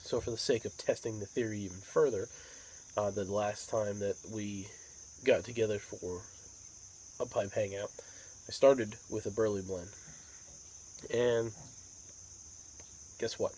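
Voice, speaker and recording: Low-voiced American man, casual and musing. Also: fairly even intonation, measured pace, long pauses, dark tone, poor audio. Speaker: pipe tobacco vlogger. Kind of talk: casual rambling monologue. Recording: outdoor insect and cricket noise.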